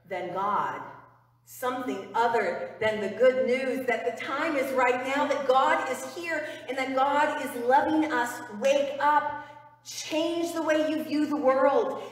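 Before the altar in a church sanctuary, a middle-aged woman pastor preaches slowly and unhurriedly. Her slightly high voice is earnest and emphatic, dropping to a hush on key phrases. A far camera mic catches her amid long, echoing reverb.

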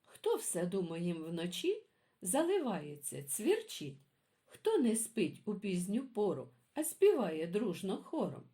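Бібліотекарка виразно читає дитячі віршики та розповідає про авторку. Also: female voice, mid-range voice, a little slow. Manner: expressive, storytelling. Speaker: librarian. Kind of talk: reading children's poems aloud.

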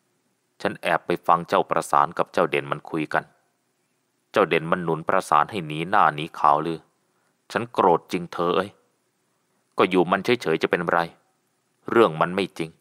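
A man voicing a gruff, cursing husband. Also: sits low, normal speed, long pauses, fairly bright tone. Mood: troubled. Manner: cursing, growling. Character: angry gruff young man, jealous husband.

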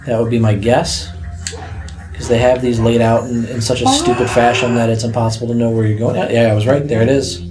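A man's voice: mid-range voice, a little fast. A young man giving laid-back, casual commentary on a video game, swearing now and then and telling the player where to go. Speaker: let's play host.

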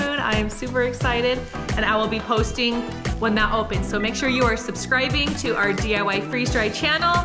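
A woman in her thirties hosting a casual home vlog, talking to camera in an upbeat, chatty way from her kitchen. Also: on the high side. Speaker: vlogger, host of a home freeze-drying channel.

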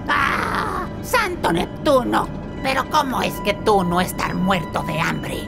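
A woman's voice: fairly low pitch, moderate pace, vocal fry. A woman voicing a dim, hungry caveman sponge who talks bluntly in broken grammar in a cartoon parody. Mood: baffled. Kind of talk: animated parody acting. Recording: very loud music behind.

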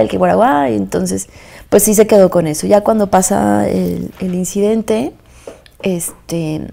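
A Mexican woman, a guest actress, telling a personal story softly and haltingly, her voice often sinking toward a whisper. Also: medium pitch, vocal fry.

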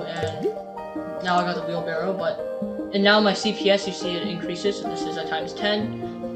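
A woman hosting a coding channel, casually walking through her clicker game demo, rambling and correcting herself as she guesses at numbers. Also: on the low side. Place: at a computer, screen recording. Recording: roomy echo with loud game music.

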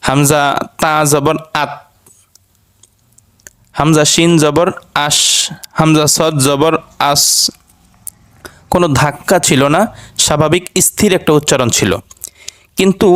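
A man with a Bengali accent teaching a tajweed class, who drills the letter sounds slowly and repeats them. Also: fairly high pitch. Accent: Bangladeshi Bengali. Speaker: Quran recitation teacher.

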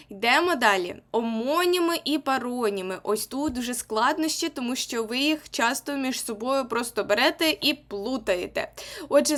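Young female teacher with a Ukrainian accent, high voice, patient and repetitive, exam-prep lesson. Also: fairly bright tone. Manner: explains patiently, repeats key points, asks "так?".

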